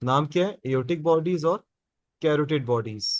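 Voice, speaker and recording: A man's voice: fairly high pitch, normal speed, no echo. Man lecturing biology to a class. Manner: asks the class questions and answers them himself, repeats key terms. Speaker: biology teacher.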